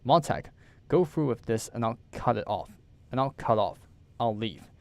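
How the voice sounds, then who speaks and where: A man's voice: mid-range voice, lively intonation, moderate pace, gravelly, no echo. A man reading the lines of an anxious older man who gives urgent, clipped commands.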